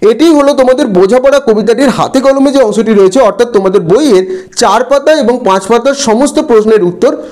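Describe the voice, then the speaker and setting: A man, a teacher slowly going through textbook answers and spelling out words syllable by syllable. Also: very high-pitched, darkish tone.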